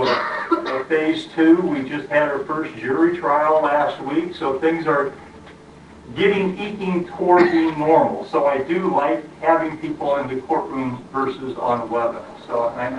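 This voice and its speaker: An American man speaks as a judge through a face mask in a very echoey room, picked up from a distance. His voice is a little high for a man, and his formal address is halting, full of pauses and repeated words. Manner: halting, frequent long hesitations and repeated words. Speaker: judge presiding over a court hearing. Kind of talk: formal courtroom address from the bench, partly informal. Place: courtroom. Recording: echoey courtroom, distant mic, faint noise.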